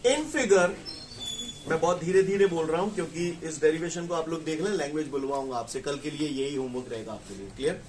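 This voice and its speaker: A man teaching a physics class who dictates slowly and keeps asking if it is clear. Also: fairly high pitch, a little mellow, distant mic, slight background noise. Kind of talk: classroom lecture.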